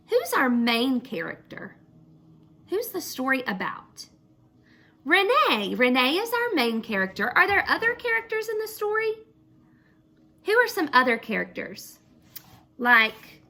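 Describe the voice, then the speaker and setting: This woman teacher has a high-pitched voice with vocal fry. She reads a picture book aloud to children in an expressive way, then asks the class questions about it.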